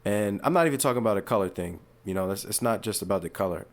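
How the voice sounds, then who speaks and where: A man hosting casual sports commentary, rambling and animated with frequent asides and restarts. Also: fairly low pitch, fast. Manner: uses fillers and restarts, talks casually.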